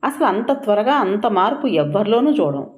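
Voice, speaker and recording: A woman reading a first-person audio story aloud, with measured, expressive narration and acted dialogue. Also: mid-range voice.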